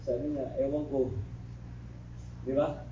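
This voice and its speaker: A middle-aged Filipino man gives a criminology review lecture in a classroom, mixing teaching with joking asides and checking in with the class often. His voice is mid-range, dark, slow, and flat. The lo-fi recording was made from far off in an echoey room, with faint background noise.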